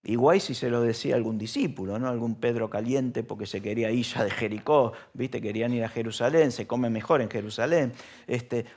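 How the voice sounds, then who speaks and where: Speaking with a Rioplatense Spanish accent, a male pastor gives an easygoing church sermon, asking his congregation questions and acting out shouted lines. His pitch is medium and his delivery brisk.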